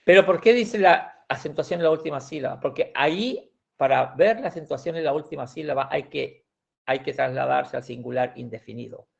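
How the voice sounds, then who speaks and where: A man teaching a grammar lesson, slowly working through examples and repeating words as he goes. His voice has a gravelly, creaky edge. The recording sounds dull and lo-fi. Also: fairly high pitch. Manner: explains patiently, repeats words, frequent restarts. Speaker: language teacher. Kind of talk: classroom lesson explaining grammar.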